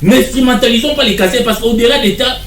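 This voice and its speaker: A man's voice: very high-pitched, fast talker, fairly bright tone, reverberant, recorded from a distance, a little hiss or hum. A man, arguing as a guest in a televised political debate, insistent and repeating his points. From Democratic Republic of the Congo.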